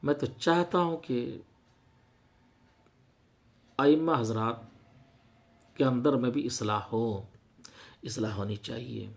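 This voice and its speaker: A man preaching a sermon, moving from quiet earnest words to loud impassioned rises. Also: mid-range voice, gravelly, pauses often.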